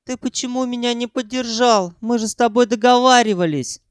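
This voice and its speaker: A male narrator voicing a pompous, self-important male pop singer with a high, whiny voice who is quick to threaten and shout. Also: clean tone, no echo, studio quality. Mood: indignant.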